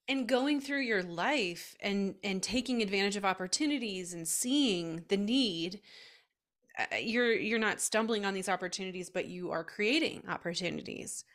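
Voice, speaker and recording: A woman hosting a casual interview, asking slow, encouraging questions. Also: medium pitch, a bit bright. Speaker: interview host.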